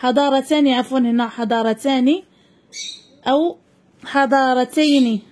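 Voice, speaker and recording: A woman with a Moroccan accent teaching a grammar lesson to young pupils, dictating slowly and repeating each word. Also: high voice, steady tone, darkish tone, slight background noise.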